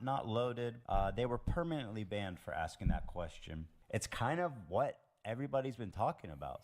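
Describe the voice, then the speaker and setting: A man with a very low voice talks through a viewer question in casual commentary. He makes dry, sarcastic asides as he goes.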